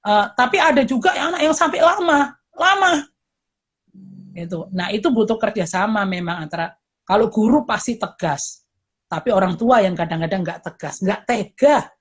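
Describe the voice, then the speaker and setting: A middle-aged woman, a pastor and teacher, chatting casually and lively, acting out parents and children in quick voices and laughing often. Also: medium pitch, breathy edge. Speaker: guest speaker, pastor and teacher. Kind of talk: casual chat.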